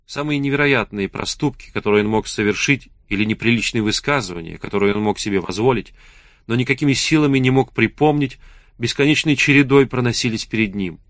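A man with a mid-range voice narrates an audiobook in a measured, even storytelling style. The recording is dry, with clean studio sound.

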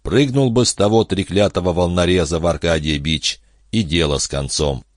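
A man's voice: low voice, normal speed, no room sound, studio quality, close to an everyday voice. A man voicing the sardonic inner voice of a bitter, worn-out man tearing himself down in a storybook reading. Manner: sardonic, self-lacerating inner voice.

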